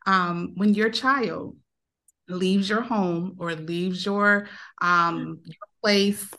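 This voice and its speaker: A woman in her thirties tells a personal story as a podcast guest, in a casual, conversational way. She acts out the voices of the people in the story. Her voice sits at a middle pitch. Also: fairly even intonation, extremely slow, pushed and bright. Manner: emotional retelling, acts out quoted voices.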